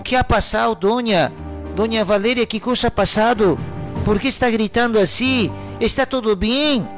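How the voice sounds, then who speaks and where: A man's voice: sits high, moderate pace, fairly bright tone, soft background music. A man voicing a polite, innocent-acting woman. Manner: polite, deferential questions. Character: polite young female housemate, feigning innocence.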